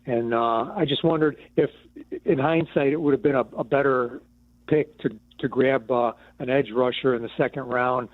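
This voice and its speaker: A man's voice: mid-range voice, fairly even intonation, normal speed, no echo. A man calling in to a sports radio show, asking a question with lots of hesitant fillers. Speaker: caller. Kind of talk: call-in question. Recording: tinny phone line.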